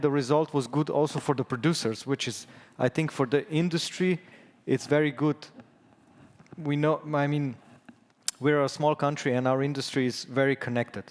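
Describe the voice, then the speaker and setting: Slovenian man, non-native English, halting conference talk, medium pitch, long hall reverb. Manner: hesitant, many fillers and restarts. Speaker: conference speaker. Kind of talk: conference presentation.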